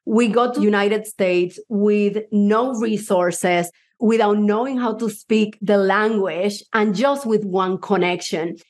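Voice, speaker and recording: A Cuban mindset coach whose first language is Spanish and who has a Puerto Rican accent gives an enthusiastic motivational talk to a live audience, telling personal stories. Her mid-range, darkish voice stays steady, slow and with few pauses.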